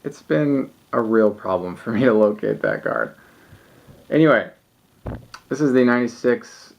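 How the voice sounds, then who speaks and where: A man with a low, gravelly voice talks through his card collection in a loose, rambling way. He sounds tired at a late hour, full of ums and restarts. The recording is dull and lo-fi. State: tired, yawning late at night. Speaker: sports card collector showing his cards. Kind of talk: casual solo video.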